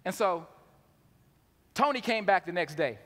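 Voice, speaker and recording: Guy preaching, high bright voice, goes quiet then loud, big echoey church. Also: unhurried. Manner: animated storytelling, swinging from hushed to loud. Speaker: pastor. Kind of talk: sermon. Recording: long hall reverb.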